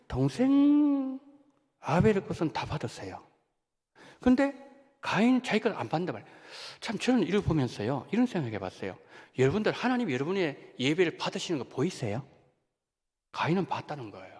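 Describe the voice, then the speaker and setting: A man, a senior pastor, preaching a sermon in a church, talking in an animated way that rises and drops sharply for emphasis. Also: a little high, normal speed, slightly rough. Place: church sanctuary. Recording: long hall reverb of a church.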